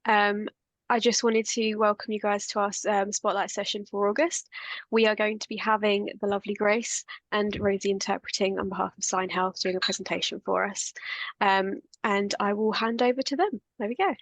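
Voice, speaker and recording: A woman's voice: mid-range voice, steady tone, normal speed, no room sound, low-quality recording. A woman acts as session host, giving an informal welcome on a video call. The sound is dry, with very little room to it.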